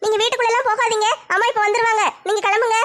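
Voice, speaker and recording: A woman playing a young college-age daughter in a comedy skit, standing up to her drunken father. Her voice is very high, bright and quick, held on a narrow, insistent tone. She scolds and pleads by turns. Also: little pitch movement. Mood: defiant.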